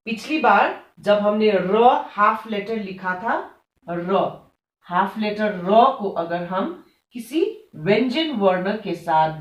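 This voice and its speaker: Slow, patient woman teaching children. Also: medium pitch. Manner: slow, patient, checking in with "ठीक है?". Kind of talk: children's Hindi lesson. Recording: echoey room.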